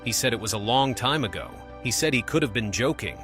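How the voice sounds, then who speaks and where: A man's voice: mid-range voice, lively intonation, quick pace. Man narrating a recap over music. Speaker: narrator recapping a court show. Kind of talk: scripted narration. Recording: music under the voice. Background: background music.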